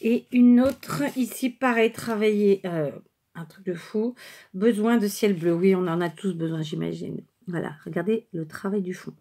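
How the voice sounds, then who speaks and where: A woman vlogger chatting casually and hesitantly while showing craft cards, often pausing and correcting herself. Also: medium pitch, mellow. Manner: chatty, rambling, many hesitations and self-corrections. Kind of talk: casual unscripted show-and-tell.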